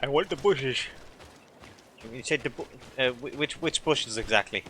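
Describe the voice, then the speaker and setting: Bright-voiced man streaming a game, some noise. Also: mid-range voice, moderate pace. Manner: wry, blunt asides. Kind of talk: casual live game commentary.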